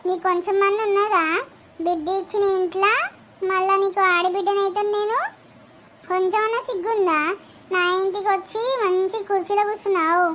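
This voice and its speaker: A woman voicing a bossy, arrogant sister-in-law in a cartoon, with a taunting, sharp-tongued manner. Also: very high voice, fairly even intonation, a little fast. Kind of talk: cartoon voice acting.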